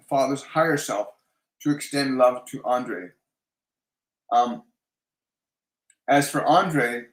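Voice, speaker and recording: A man hosting a live-stream Q&A as a spiritual medium, giving slow, soothing guided instructions and repeating each one twice. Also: fairly high pitch. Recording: roomy echo.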